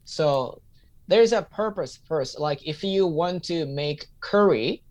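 A man's voice: on the high side, expressive, takes it slowly, darkish tone. Reflective man in his thirties. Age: 30s. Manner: reflective, repeats himself while searching for words. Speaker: guest, comedian and teacher. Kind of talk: casual interview answers.

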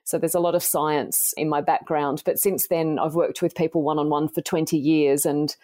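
An Australian woman in her forties, a podcast guest gently and earnestly telling her life story. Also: sits low, fairly even intonation, moderate pace.

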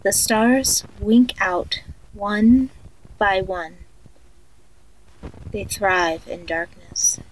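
This horror audio story features an eerie woman, voiced by a female performer, guiding listeners through a sleep meditation. She talks very slowly and softly at a mid pitch, like a sleep story narrator, and sounds soothing yet haunting. The mood is calm and ominous, and the recording is rough.

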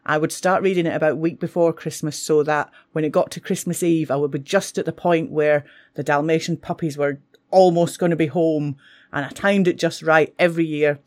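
A woman's voice: sits low, fairly even intonation, brisk, darkish tone. A woman teacher, talking with enthusiasm about books she loves. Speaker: English teacher. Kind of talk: casual talk for school radio.

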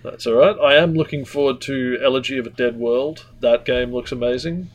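A man's voice: medium pitch, moderate pace. Brash, swearing man in his late twenties. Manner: brash, swears freely, runs the questions. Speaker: podcast co-host and journalist. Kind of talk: casual podcast chat.

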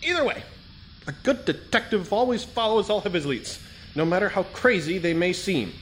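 A man playing a pompous, deadpan eccentric detective. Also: high-pitched, normal speed, a little hiss or hum. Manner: formal, deadpan, teasing. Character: pompous eccentric male detective, dryly teasing.

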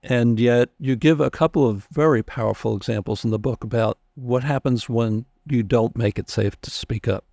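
A man hosting an interview, speaking in a deliberate, reflective conversational way. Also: mid-range voice, gravelly, warm tone, no room sound, clean studio sound. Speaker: interview host.

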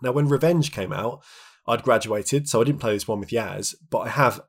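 A man's voice: mid-range voice, normal speed. A man in his thirties co-hosting a podcast, chatting reflectively with lots of restarts and filler words. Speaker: podcast co-host. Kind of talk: reflective casual chat.

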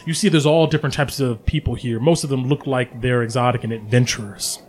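A man narrating as game master in a relaxed, descriptive way with frequent fillers. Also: medium pitch, fairly quick, slight background noise.

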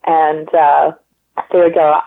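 A Canadian woman, a guest in a casual interview, rambles upbeat with plenty of "like" and "um." Her voice is low-pitched, creaky and slow, with little pitch movement. She's heard over a tinny phone line.

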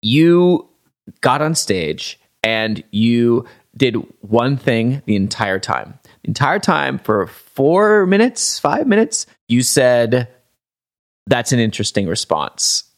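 A man's voice: medium pitch, very animated, slow. A young man hosting a podcast who tells a story in a casual chat, often restarting his sentences.

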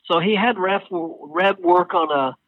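A man being interviewed as a guest singer, telling stories in a casual, animated way and acting out what others said. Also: high-pitched, a little slow, no echo. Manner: animated storyteller, acts out quoted exchanges. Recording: tinny phone line.

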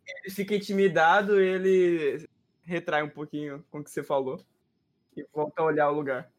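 A man's voice: on the high side, steady tone, normal speed. A man narrating scenes and actions as game master of a tabletop role-play game. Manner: describes scenes and voices characters in passing.

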